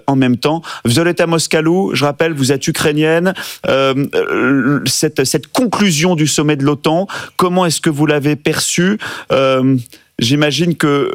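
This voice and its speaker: A man hosting a panel discussion, asking questions haltingly with many fillers. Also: medium pitch, no echo, clean studio sound. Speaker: host.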